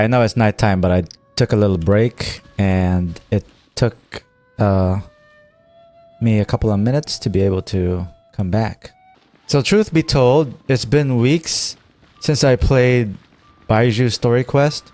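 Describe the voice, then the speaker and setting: Over game music, a man streams a game with casual, reactive let's-play commentary full of jokes. His medium-pitched voice has a darkish tone and a measured pace.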